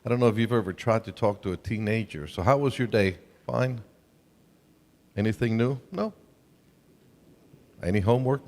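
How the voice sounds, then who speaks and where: Man, low voice in a big hall. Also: moderate pace, pauses often, darkish tone. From Colombia. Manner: storytelling, self-deprecating humor. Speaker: family ministry speaker. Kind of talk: co-presenting a sermon talk. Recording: reverberant hall.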